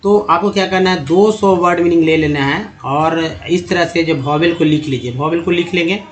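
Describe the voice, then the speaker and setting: A man teaching a slide-based language lesson as a voice-over, slowly spelling words out letter by letter and calling his viewers friends. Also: fairly high pitch. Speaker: English teacher.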